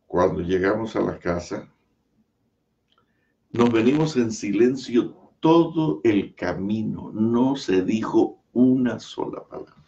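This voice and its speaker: A male pastor tells a story from the pulpit at a slow, deliberate pace, pausing for effect. His voice is low and mellow. The recording is dull and heard from some distance away. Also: animated, creaky. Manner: slow, earnest storytelling with dramatic pauses. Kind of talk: sermon storytelling.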